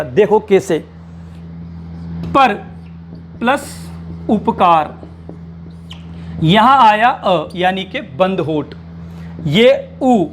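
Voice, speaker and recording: A man with a strikingly high voice teaches a grammar lesson to exam students. He works through examples step by step and keeps asking the class rhetorical questions. When he spells out single sounds he slows down and draws the words out.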